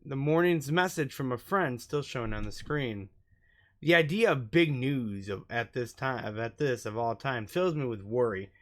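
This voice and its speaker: Over background music, a gaming YouTuber does let's play commentary and reads game text aloud, occasionally stumbling over words. He has a mid-range voice with lively intonation and a moderate pace.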